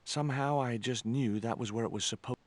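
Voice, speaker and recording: A man's voice: medium pitch, a little fast, no room sound, close to an everyday voice. Man voicing a wry American adventurer. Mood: narrating. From United States. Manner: dry, wisecracking narration. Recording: game audio with clear music behind.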